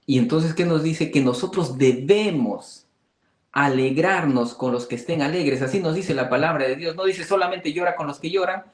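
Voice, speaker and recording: A man's voice: on the high side, moderate pace. Man teaching a Bible study, echoey room. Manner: conversational, acts out quoted voices, rhetorical questions.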